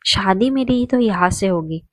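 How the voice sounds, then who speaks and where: A defiant young woman, as a woman storyteller puts her on, slightly raised and deliberate. She challenges her elders head on. The sound is dry and close. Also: medium pitch, expressive, no echo, close to an everyday voice.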